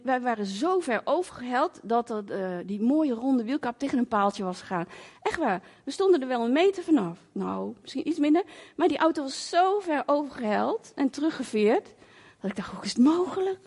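A woman giving a sermon as a lively personal story, with many fillers, acting out voices and sounds in a conversational way. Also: on the high side. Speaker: preacher.

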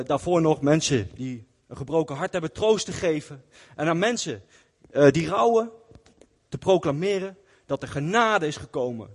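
A man's voice: fairly high pitch, husky. A man preaching a testimony sermon in church, earnest and retelling scripture stories. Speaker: lay preacher. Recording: long hall reverb.

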